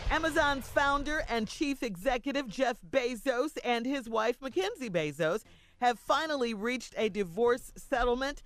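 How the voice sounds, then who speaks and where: An American woman co-hosting a morning radio show, talking like a radio DJ and reading entertainment news. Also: a little high. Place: radio studio.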